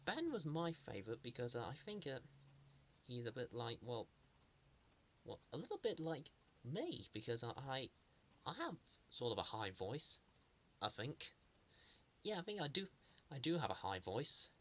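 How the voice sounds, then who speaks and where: An earnest man, a fan sharing memories, reminisces casually at a middle pitch and a moderate pace, with big swings in pitch. He often stops, restarts and repeats words while searching for them, sounding fond and sincere throughout. A faint hiss sits quietly in the background.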